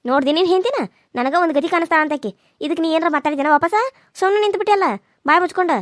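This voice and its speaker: A woman voicing a sharp-tongued, scheming older village mother-in-law in a cartoon serial. She speaks with a North Karnataka accent. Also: fairly even intonation, dry recording, clean studio sound, natural voice. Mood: scolding. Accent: North Karnataka Kannada. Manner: scolding, rapid, shrill. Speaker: voice actor.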